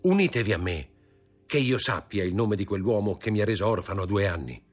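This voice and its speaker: A man's voice: fairly low pitch, lively intonation, brisk, slightly rough, soft background music. A man voicing a desperate young nobleman who pleads and begs in an impassioned voice, in an audiobook reading of a novel. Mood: imploring.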